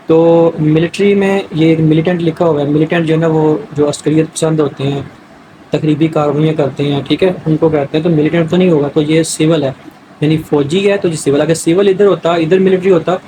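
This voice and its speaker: Man, grammar lecture, step-by-step explaining, slightly high pitch, air-conditioner hum. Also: steady tone. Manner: explains step by step, mixing English words into Urdu. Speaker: teacher. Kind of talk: test-prep grammar lecture.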